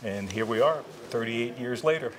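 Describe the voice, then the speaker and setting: A man in his sixties, born in Israel and raised in New Jersey, answering interview questions in an unhurried way with many pauses and restarts. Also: medium pitch, a little hiss or hum. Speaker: interviewee, retired chiropractor.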